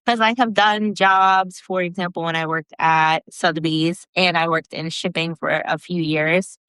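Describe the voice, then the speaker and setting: Animated woman guest telling work stories. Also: on the low side, unhurried, clean tone, dry recording. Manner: animated storyteller, lively quoted voices. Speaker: podcast guest; event producer. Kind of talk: casual chat.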